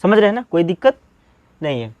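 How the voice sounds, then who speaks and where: A man's voice: sits high, big pitch swings, fast, no room sound, highs cut off. A man teaching English pronunciation, who keeps asking questions and answering them himself. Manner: repetitive question-and-answer drilling, asks then answers himself. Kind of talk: classroom-style spoken lesson.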